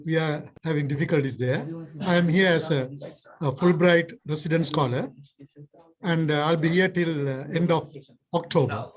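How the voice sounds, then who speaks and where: A man from Sri Lanka, a visiting scholar, introducing himself formally and deliberately. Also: a little high, poor audio.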